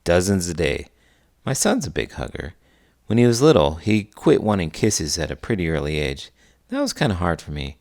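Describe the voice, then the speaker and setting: An elementary school teacher hosts a children's read-aloud, explaining things in a friendly, chatty, educational way. His voice is low and darkish, very animated, at a moderate pace.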